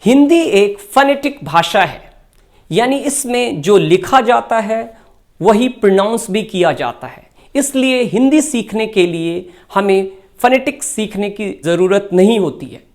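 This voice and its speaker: Woman teacher with an Indian accent, slow scripted lesson narration, plain mid-range voice. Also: medium pitch, lively intonation, darkish tone. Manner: slow, deliberate explanation. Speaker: English teacher.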